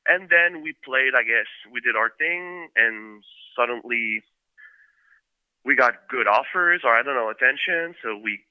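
Speaking unhurriedly and expressively, a Quebec band member with a French Canadian accent rambles through a casual interview with many fillers and restarts. His medium-pitched voice is smooth, and the sound is phone-quality without echo.

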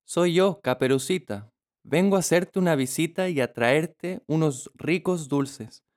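Guy doing a squeaky sweet little girl, eager and sing-songy, storybook style. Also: animated, measured pace, a little mellow. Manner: high, eager, sing-song.

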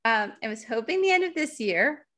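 Bright-voiced woman author in an interview. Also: on the high side, lively intonation, brisk. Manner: hesitant, filler-heavy answers. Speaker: author and guest. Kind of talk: casual interview.

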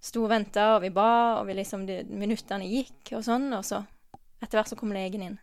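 A woman giving a personal faith testimony, halting and earnest, with many pauses and restarts, sometimes dropping to a soft whisper. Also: medium pitch, fairly even intonation, dry recording, studio quality. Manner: drops to a soft whisper at tender moments. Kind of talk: personal testimony, spoken from memory.

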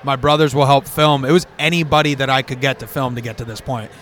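A man's voice: medium pitch, fairly even intonation, fast talker, fairly bright tone. A man, a comedy creator chatting casually and rambling with lots of "bro" and "man". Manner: laid-back, rambling, says bro and man. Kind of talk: casual chat.

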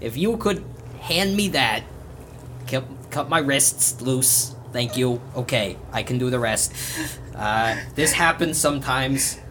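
A woman's voice: extremely low pitch, lively intonation, slow, fairly bright tone, slight background noise. A woman playing a tabletop game in character, wry and laughing at her own mishaps. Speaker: player.

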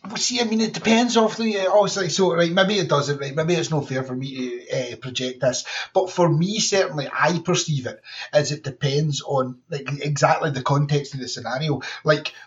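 A man's voice: a little high, normal speed. Laughing man on a dull, distant mic. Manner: rambling, frequent laughter, crude jokes. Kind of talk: casual chat.

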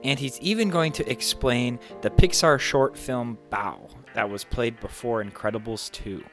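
A man hosting a podcast, friendly and upbeat, moving from a scripted introduction to loose, halting interview questions. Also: mid-range voice, a bit bright, faint music behind. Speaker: podcast host.

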